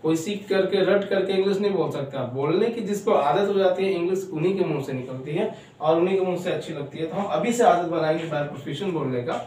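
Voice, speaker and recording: A man in his thirties teaching an online spoken English class, explaining in Hindi and slowly modelling English sentences. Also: high voice, a little mellow, very echoey, distant mic, a little hiss or hum, poor audio. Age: 30s.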